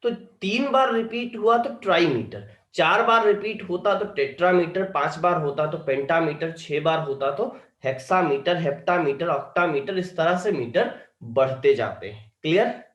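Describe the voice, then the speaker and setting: A man's voice: on the high side, expressive, normal speed, hardly any pauses, fairly bright tone, echoey room. A male teacher, giving an online lecture and often checking whether students have understood. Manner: keeps asking students if they understood.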